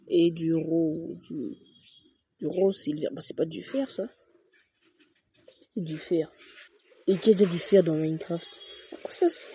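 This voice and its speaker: A young man, chatting slowly through his game and muttering to himself. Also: fairly high pitch, warm tone, husky. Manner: talks to himself, mutters and swears at mistakes. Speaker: gaming youtuber. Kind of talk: casual let's-play commentary.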